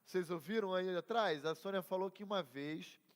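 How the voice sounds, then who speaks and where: A middle-aged Brazilian pastor with a high voice speaks at normal speed, teaching a Bible class in a conversational way. He has a Brazilian Portuguese accent, tells humorous personal stories, and asks the class questions, calling on members. The recording is from a reverberant church hall.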